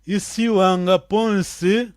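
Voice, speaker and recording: A man's voice: high voice, fairly even intonation, takes it slowly, clear, resonant tone, no room sound. A man whose first language is Kikongo, teaching an online language lesson and patiently explaining words one by one with frequent check-in questions.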